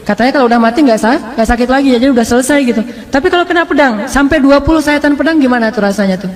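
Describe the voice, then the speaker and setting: High-voiced, joking male preacher. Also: rapid-fire, long reverb tail. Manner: lively, humorous, colloquial, with frequent laughs and restarts. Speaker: Islamic preacher. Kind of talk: casual sermon storytelling.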